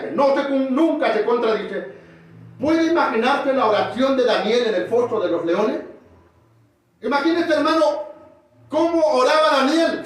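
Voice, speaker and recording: A man preaching a sermon, emphatic and calling out to his listeners as brother again and again. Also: high voice. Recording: very echoey, distant mic in a hall.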